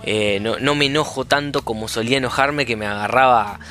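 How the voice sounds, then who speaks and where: A man with an Argentine accent chatting casually on a podcast, animated and acting out arguments. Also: medium pitch, brisk. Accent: Argentine Spanish. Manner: animated, acts out phone arguments in different voices. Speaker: podcast co-host. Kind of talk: casual chat.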